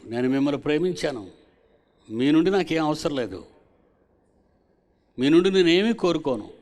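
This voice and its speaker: A man preaching a sermon at a gospel convention. He repeats his phrases and questions the audience directly. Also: a little high.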